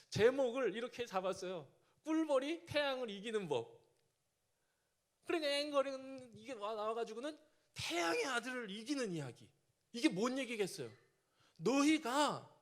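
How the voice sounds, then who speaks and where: A male pastor preaching a sermon, telling the story vividly and acting out the characters' lines. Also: very high voice.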